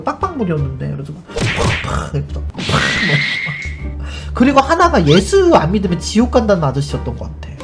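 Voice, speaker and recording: A woman hosting a live stream, chatting casually as she tells a story and acts out the people in it. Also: medium pitch. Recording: music under the voice. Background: background music.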